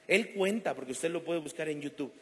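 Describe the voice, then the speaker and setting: A man's voice: fairly high pitch, fairly quick, a bit bright. A man preaching a sermon, telling stories with animation and acting out the voices of the people in them. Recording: long reverb of a church hall.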